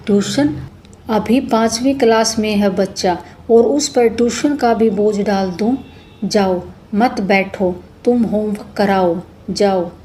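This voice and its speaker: A woman's voice: medium pitch, slow, warm tone, slight background noise, natural voice. Woman reading as an earnest middle-aged husband. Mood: irritated. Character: grieving then loving husband, middle-aged man.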